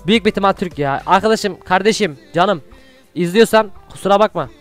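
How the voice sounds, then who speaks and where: Fast-talking, high-voiced young man. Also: soft background music. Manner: excitable, shouts during fights, chatty asides to viewers. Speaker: gaming YouTuber. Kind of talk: Minecraft gameplay commentary.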